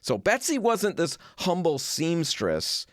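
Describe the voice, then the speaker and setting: A middle-aged man hosting a home improvement show, telling a story in a chatty, animated way with lots of asides. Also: on the high side, takes it slowly, dry recording, studio quality. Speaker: host.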